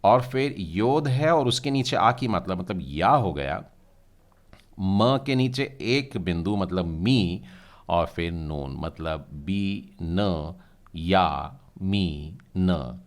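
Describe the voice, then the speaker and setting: Speaking slowly with lively intonation, a man with a lowish voice teaches Hebrew. He takes his students through the letters and sounds one at a time, addressing them directly and having them read along.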